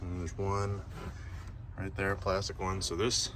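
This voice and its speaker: Low-voiced man walking through a car install. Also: unhurried, heavy background noise. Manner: relaxed, explains step by step while working. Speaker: car DIY vlogger. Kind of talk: casual install walkthrough. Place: outdoors by a car engine bay.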